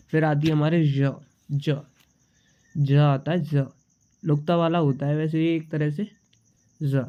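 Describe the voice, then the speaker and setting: A young man with a slight cold walks through shorthand symbols in a relaxed, patient tutorial, repeating each one as he writes it. His voice is a touch high and mellow, and the recording sounds dull and lo-fi. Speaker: shorthand teacher. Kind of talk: casual tutorial explanation.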